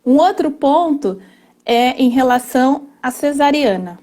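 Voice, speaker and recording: Mellow-voiced woman explaining earnestly. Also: high-pitched, expressive, measured pace. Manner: earnest, tag questions, frequent hesitations. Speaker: family constellation therapist. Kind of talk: explanatory conversation.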